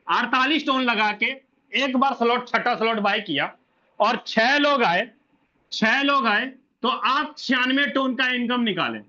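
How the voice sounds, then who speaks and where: Man, very high voice, lo-fi dull audio, repetitive, self-questioning explainer. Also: sharp tone. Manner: repetitive, asks and answers own questions. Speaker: crypto plan presenter. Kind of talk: explaining a referral income plan.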